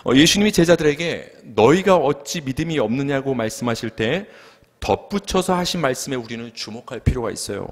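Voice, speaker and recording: A male pastor giving a sermon, asking the congregation questions and filling pauses with "uh". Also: medium pitch, lively intonation, big-room sound. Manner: earnest preaching with rhetorical questions and many "uh" fillers. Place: church sanctuary.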